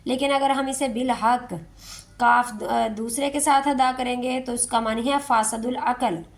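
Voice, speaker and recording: A woman teaches recitation in a slow, patient lesson. Her voice is fairly high with a gravelly edge, and she stretches out each verse she chants. Her explanations are unhurried and careful. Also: fairly even intonation. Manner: explains slowly, then chants verses drawn out.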